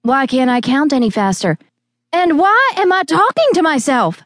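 A narrator acts out an excitable woman who runs a coffee shop in a cozy mystery audiobook. She is exasperated and pleading, pitched up high, in a dry recording. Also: normal speed, no echo.

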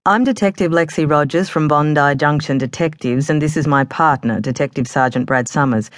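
A woman's voice: deep voice, brisk, no room sound, studio quality, close to an everyday voice. A woman voicing a poised female police detective, polite but firm and businesslike.

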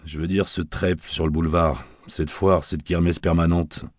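A man's voice: low voice, flat delivery, normal speed, no room sound. A man voicing a world-weary, wisecracking male private detective with dry, sardonic talk.

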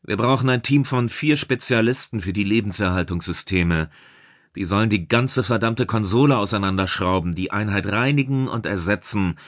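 A man voicing a gruff middle-aged chief engineer who barks blunt orders in a sci-fi audiobook. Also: lowish voice, normal speed, dry recording, studio quality, lightly acted. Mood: commanding.

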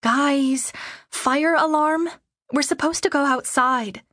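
A woman's voice: sits high, slow pace, bright, forceful tone, no echo, studio quality, voice pushed up, heavily acted. A woman voicing a hesitant, distracted teenage girl in an audiobook. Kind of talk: audiobook character voice.

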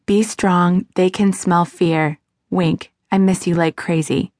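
A woman's voice: lowish voice, fairly even intonation, slow, darkish tone, no echo, studio quality. A woman reading a playful, teasing young man. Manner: playful, irreverent.

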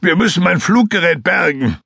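A man's voice: high-pitched, big pitch swings, moderate pace, vocal fry, husky, no room sound, pitched above the performer's own voice, heavily acted. A man voicing a stubborn, reckless male glider pilot who is out of breath and frantically insistent. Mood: frantic. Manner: frantic, insistent, shouting while swimming.

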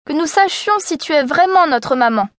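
A woman's voice: high-pitched, lively intonation, moderate pace, a bit bright, no room sound, voice pushed up. Piping, childish little goat kids, as a woman reads them aloud in a storybook, their cries lifting well above a grown voice. The sound is dry and close. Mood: wary. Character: small frightened young goat kids, childish and shrill. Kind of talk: storybook reading.

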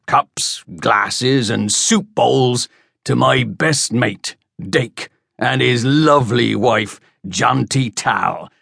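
A man voicing Beatrax, drunken gruff axeman. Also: a bit bright, no room sound, studio quality, exaggerated voice. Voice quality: deep rumbling bass. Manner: tipsy, swaying, hiccuping toasts. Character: burly drunken male axeman, boastful and gruff.

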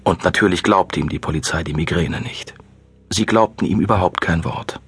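A male narrator reads a suspense audiobook with a low voice. His tone is husky, the delivery measured and steady. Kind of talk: scripted narration.

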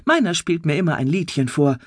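A woman doing a calm young office assistant. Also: low-pitched, brisk, no room sound, clean studio sound. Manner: calm, unflustered.

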